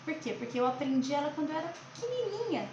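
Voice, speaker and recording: High-voiced Brazilian woman teaching children, roomy sound. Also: big pitch swings, fast, lo-fi sound. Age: late 30s to 40s. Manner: simple explanations with frequent check-in questions. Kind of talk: speaking to young children, teaching. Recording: roomy echo, faint background noise.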